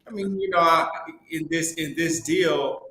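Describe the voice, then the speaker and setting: A man's voice: on the high side, unhurried, bright, forceful tone, reverberant. A man telling a laughing story as a talk show guest, imitating the people in it. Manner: laughing storyteller, mimics others. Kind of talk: casual talk show chat.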